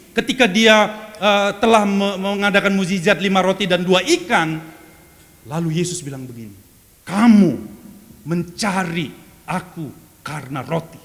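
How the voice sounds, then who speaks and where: A man preaching a testimony sermon, telling his story in an animated way with repeated phrases and frequent laughs. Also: high-pitched. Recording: long hall reverb.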